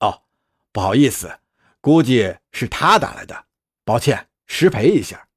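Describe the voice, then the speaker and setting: A man's voice: medium pitch, sing-song, unhurried, slightly rough, voice pushed down. A man voicing a cornered male executive who talks in tense, cursing outbursts, with faint music behind. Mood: smug.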